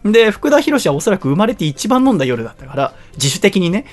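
A man's voice: high-pitched, fast. A man hosting a radio show, casually telling a long personal story, laughing often and acting out what others said. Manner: animated, laughs often while telling, acts out quoted lines.

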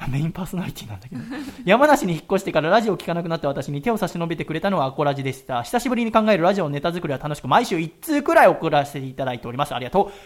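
A man's voice: a little high, sing-song. A man hosting a radio show, reading listener mail and teasing his co-hosts in casual chat. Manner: teasing, jokey, fast-talking.

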